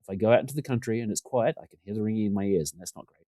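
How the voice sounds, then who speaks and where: Talking quickly from a room at home, this middle-aged New Zealander is a chatty podcast guest who wanders off on tangents and pokes fun at himself. The mic sounds close and dry with no echo, as on a remote call, and his low voice has a mellow, dark, easygoing quality.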